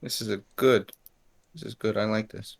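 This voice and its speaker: A man's voice: on the low side, fairly even intonation, moderate pace, vocal fry. A man defensively bickering with friends over an online voice call during a drawing game. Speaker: player. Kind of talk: casual gaming chat.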